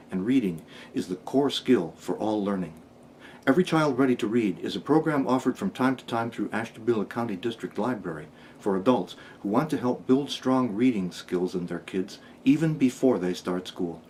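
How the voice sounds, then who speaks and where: A man delivers scripted public-information narration. His voice is on the low side. Noise is clearly audible in the recording. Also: normal speed, darkish tone. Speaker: library announcer.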